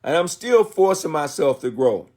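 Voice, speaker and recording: An American motivational business speaker in his sixties addresses a livestream in a sing-song voice that's on the high side and darkish in tone, at a moderate pace. His delivery is folksy and colloquial, with repeated phrases for emphasis.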